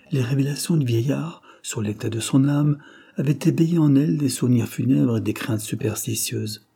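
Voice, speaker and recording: A man narrating a classic novel as an audiobook in measured, dramatic storytelling. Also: mid-range voice, creaky, warm tone, slightly rough.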